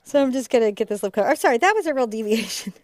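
A middle-aged woman hosts a live painting class in an indoor studio, chatting informally and wandering off on tangents as she demonstrates. Her voice is a little high, animated and rapid-fire, and the recording is dry.

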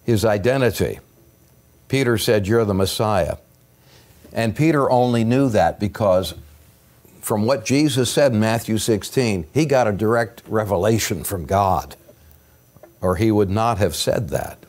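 In a church sanctuary, an older man from the United States preaches as pastor through a pulpit mic. His voice is on the low side and a little mellow, yet he remains earnest and emphatic, using pauses and rising stresses.

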